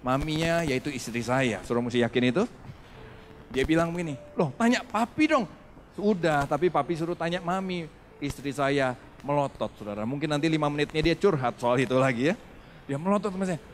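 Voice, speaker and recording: A man's voice: on the high side, fairly quick, slight background noise. A male pastor preaching a sermon, telling stories and calling for amens from the congregation. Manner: animated storytelling with congregation call-and-response.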